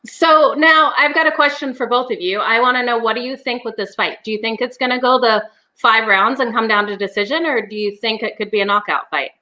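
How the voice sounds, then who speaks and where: A woman's voice: on the high side, a little fast, bright, forceful tone, low-quality recording. A woman co-hosting a show with casual, opinionated sports talk.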